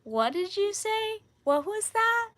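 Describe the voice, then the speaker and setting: A woman voicing a confused male fast-food drive-thru worker asking puzzled questions. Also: extremely high pitch, big pitch swings, fairly bright tone, voice pushed up, full character voice. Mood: baffled.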